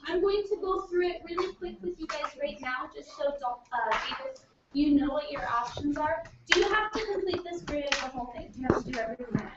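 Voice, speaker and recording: A woman's voice: sits high, lively intonation, brisk, hardly any pauses, roomy sound. A young woman teaching a class, questioning and encouraging her students, recorded from a distance in a classroom. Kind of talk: classroom lesson. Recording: dull, noisy classroom recording from afar.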